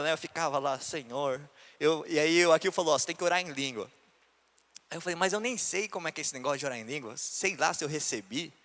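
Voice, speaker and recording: Recounting his personal testimony in a sermon, this pastor from Brazil performs the voices of the people he cites. He speaks in a slightly high, somewhat bright voice, and the church hall adds a long reverb.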